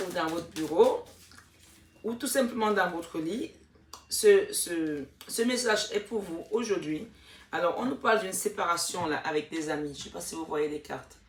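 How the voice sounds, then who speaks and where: Heard from off the mic in an echoey room with slight background noise, this fairly low-pitched woman speaks at a measured pace. As a tarot reader and channel host doing a casual reading, she talks straight to viewers in a chatty style full of fillers and false starts.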